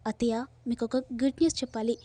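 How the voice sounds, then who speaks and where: A woman's voice: a little high, very fast, mellow, natural voice. A woman voicing a cheerful, pregnant young daughter-in-law, in a plain read-out manner. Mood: eager. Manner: plain read-out lines, hardly acted.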